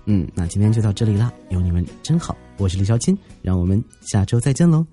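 A man's voice: on the low side, big pitch swings, fast, dark tone, soft background music. A man hosting a podcast, telling funny everyday stories in a chatty, jokey way and acting out the quotes. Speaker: podcast host. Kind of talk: comic storytelling podcast.

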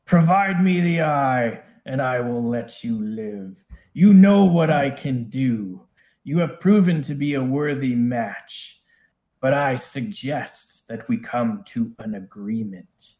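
A man voicing a menacing dragon whose booming voice carries from inside a tower, slow and commanding as it bargains. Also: expressive, darkish tone, roomy sound. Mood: menacing, bargaining. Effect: booming voice carrying from inside a tower. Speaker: game master.

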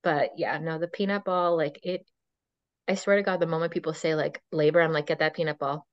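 Low-voiced woman telling a birth story. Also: fairly quick, dry recording. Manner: storytelling with many fillers and quoted dialogue. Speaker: podcast guest. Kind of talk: casual chat. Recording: dull dry lo-fi sound.

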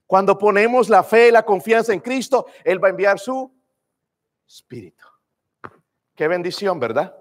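A man's voice: high-pitched, lively intonation, normal speed, pauses often. A male preacher giving a fervent sermon, calling out to the congregation and asking them to say amen. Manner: fervent, calls out to the congregation with "hermanos" and "amén". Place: church sanctuary. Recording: long reverb of a church hall.

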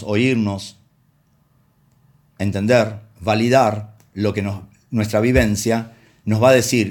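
A man's voice: lowish voice, darkish tone. A man preaching a sermon in a conversational way, telling anecdotes from his work as a counselor and acting out the voices he quotes. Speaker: pastor and counselor.

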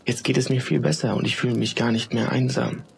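A shy, lonely old woman in a spoken storybook, read by a man. She speaks in a hesitant, wondering way. There is a gravelly rasp to the voice. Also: mid-range voice, steady tone, fast talker, slight background noise. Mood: content.

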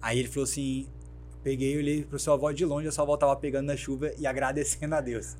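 Speaking fast in a medium-pitched voice, a Brazilian fashion brand founder recounts his life story as an interview guest, with slight background noise present. He tells it with animation, acting out quoted dialogue and the voices of the people involved.

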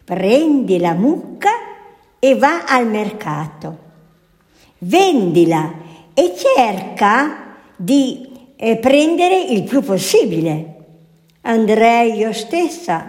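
A woman's voice: a little high, sing-song, takes it slowly, a little mellow. A woman voicing a poor, sick mother as she reads a fairy tale aloud. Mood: pleading. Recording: echoey hall.

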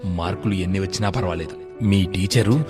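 A man's voice: deep voice, moderate pace, over music, natural voice. A man voicing a patient, loving middle-aged father in a storybook tale, speaking in a soothing, reassuring way.

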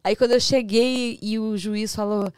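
A woman from Brazil with a Brazilian Portuguese accent, a podcast guest telling stories in a lively, animated way. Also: on the high side, normal speed, smooth, no room sound. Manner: lively storyteller who acts out voices and laughs often. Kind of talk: casual storytelling chat. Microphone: studio podcast mic.

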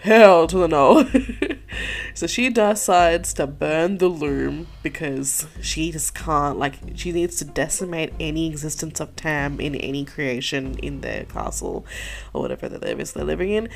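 A woman's voice: low voice, very animated, moderate pace, gravelly. A woman podcast host retelling a folktale in a chatty, profane way, full of "like" and side remarks. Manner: profane, chatty, many likes and asides. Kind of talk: casual storytelling.

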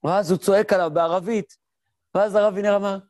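A man's voice: high-pitched, no room sound, clean studio sound. A man giving a Torah lesson as a rabbi, telling stories with sound effects and answering his own questions. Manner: lively storyteller who mimics sounds and voices; asks rhetorical questions and answers them. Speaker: rabbi teaching a class.

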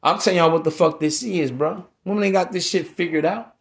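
Here the American podcast host speaks in a high, gravelly voice at a fairly quick clip. He lectures listeners informally and bluntly, using slang, preaching, and repeating lines for emphasis.

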